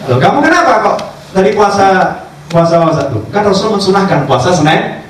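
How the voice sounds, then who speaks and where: A man, a religious teacher telling stories in a sermon, acting out dialogue in lively voices. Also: sits high, a little fast. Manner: animated storyteller acting out dialogue. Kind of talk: sermon storytelling. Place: cafe gathering. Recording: echoey distant room recording, faint background noise.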